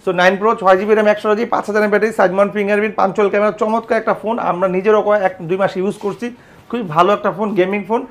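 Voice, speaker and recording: Male hard-sell shop pitchman, Bangladeshi accent, high voice, extremely fast, repetitive listing of prices and features. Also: flat delivery. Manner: rattles off specs and prices, repeating them. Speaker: phone shop seller presenting stock.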